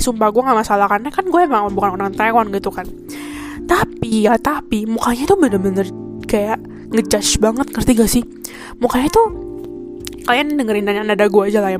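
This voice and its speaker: Chatty young woman podcaster, higher voice. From Indonesia. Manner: chatty, full of fillers like "kayak" and "gitu kan". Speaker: podcast host. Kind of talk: casual storytelling monologue. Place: a room in Taiwan.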